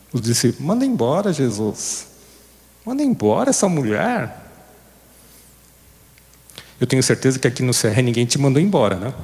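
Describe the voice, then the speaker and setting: A man's voice: medium pitch, a little mellow. A man preaching in a conversational way at a recovery group, asking his listeners questions. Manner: conversational, asks the audience questions. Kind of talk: sermon. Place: church hall. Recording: long reverb of a hall.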